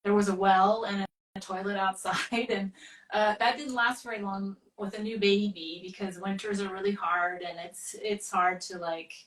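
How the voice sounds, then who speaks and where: Artist lady in her 40s from california, rambly and halting, kinda far from the mic in an echoey room. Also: medium pitch, fairly even intonation. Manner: rambling, halting, laughs often. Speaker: guest artist. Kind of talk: casual interview chat. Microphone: video call. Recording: roomy, a bit off-mic.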